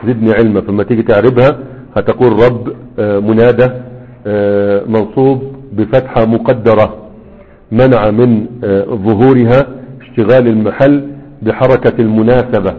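A man with an Egyptian Arabic accent teaches grammar through recitation and explanation, reciting verses and quizzing listeners with rhetorical questions. His voice is husky and medium-pitched, and the recording sounds tinny, like a phone.

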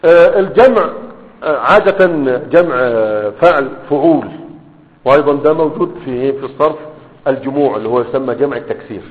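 A man with an Egyptian Arabic accent teaching a grammar lesson, often pausing on fillers and checking in with rhetorical questions. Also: medium pitch, lively intonation. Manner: pauses often with drawn-out fillers while writing. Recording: dull, reverberant classroom-style recording.

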